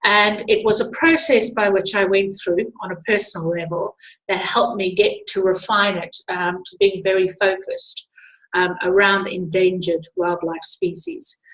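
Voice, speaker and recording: A middle-aged woman with a South African accent, from Zimbabwe and South Africa, informally hosts an online webinar from indoors at her computer. Her voice sits at a medium pitch with a fairly bright tone. The computer microphone captures a noticeably echoey room.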